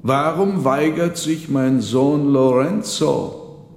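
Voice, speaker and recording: A man's voice: medium pitch, slow, darkish tone, pitched above the performer's own voice. A man voicing an old grieving marchese, speaking in a pleading, emotional way. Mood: hosting. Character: old grieving male marchese, gentle host. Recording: roomy with long reverb, faint noise.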